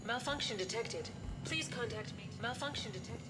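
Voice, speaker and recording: A woman voicing a malfunctioning female archive computer in a video game, repeating flat automated warnings in a glitching, robotic way. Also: a little high, moderate pace. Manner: flat, formal automated announcements. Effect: glitching, repeating machine announcement. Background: game music.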